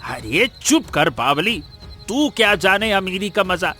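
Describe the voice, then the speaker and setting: A man's voice: sits high, sing-song, a little slow, bright, forceful tone, faint music behind, exaggerated voice. A man playing a greedy, blustering village schemer. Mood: dismissive. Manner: blustering, stammers when caught out. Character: greedy boastful male villager, cowardly underneath. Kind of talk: cartoon voice acting.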